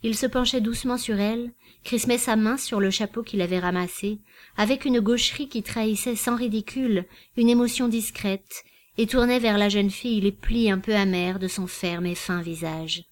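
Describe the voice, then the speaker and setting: Calm woman narrating a novel. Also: mid-range voice, moderate pace. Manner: calm, even, literary reading. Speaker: audiobook narrator. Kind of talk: literary audiobook narration.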